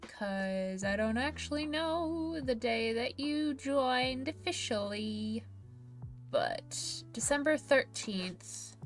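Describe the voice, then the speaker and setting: A woman's voice: sits high, lively intonation, slow, faint music behind. A woman streamer in casual livestream chat, reading viewer messages aloud in a chatty, giggly way.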